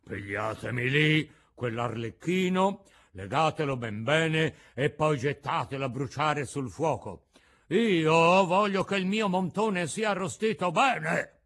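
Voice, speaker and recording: A man voicing a bearded male puppet master who blusters loudly, gruff on the surface but softhearted, with explosive sneezes. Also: a little high, animated, slow, voice pushed up. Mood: stern commanding.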